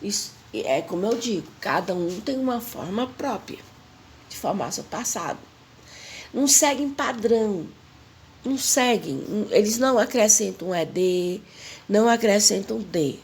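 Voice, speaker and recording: A woman, teaching an English grammar lesson slowly and repeating the rules while stressing the example words. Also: mid-range voice, animated, darkish tone.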